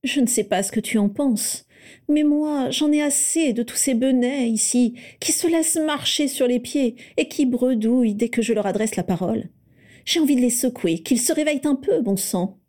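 A self-satisfied schoolboy wizard who loves to tease, as a woman reads him aloud. He talks in a higher register than the narration, smug and playful. The tone stays warm and mellow throughout. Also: moderate pace, close to an everyday voice. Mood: smug teasing. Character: smug teasing teenage boy wizard.

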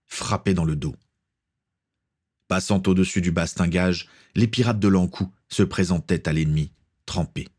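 A man narrates a storybook in a very low, husky voice. His reading is steady and dramatic, carrying the action along.

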